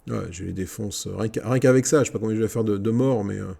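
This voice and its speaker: Gaming YouTuber, male, mellow and a bit gravelly, chatty, bossing his units around. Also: fairly low pitch, fast talker. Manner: talks to his troops, excitable outbursts. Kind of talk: casual Let's Play commentary.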